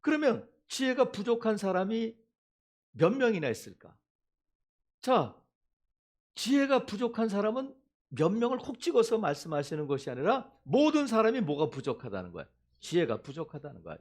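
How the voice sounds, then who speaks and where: A man's voice: high-pitched, very animated, normal speed, darkish tone. A male pastor preaching a sermon, asking the congregation questions and acting out quoted voices.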